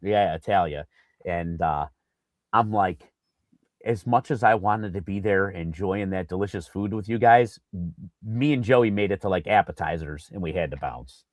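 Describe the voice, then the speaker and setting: A man co-hosting a casual sports podcast, telling an animated story with lots of fillers and acted-out quotes. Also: deep voice, moderate pace, dry recording. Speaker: podcast co-host.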